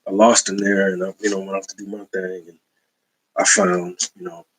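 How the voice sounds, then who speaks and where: Very animated yet laid-back, a man with a deep, slightly rough, a bit bright voice talks at a normal speed while showing off his comic book haul. He rambles casually with slang and many fillers, and the recording is low quality.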